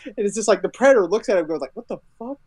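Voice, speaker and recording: An excitable man jokes his way through a casual podcast chat, laughing often. His voice sits a bit high and swings widely in pitch. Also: racing, crowd noise. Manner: excitable, jokey, breaks into laughter. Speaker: podcast co-host.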